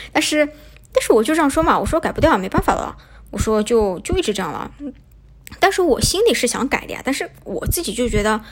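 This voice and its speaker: Young woman host from China, rapid-fire casual storytelling, slightly husky tone. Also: fairly high pitch. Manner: chatty, poses and answers her own questions. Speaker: podcast host.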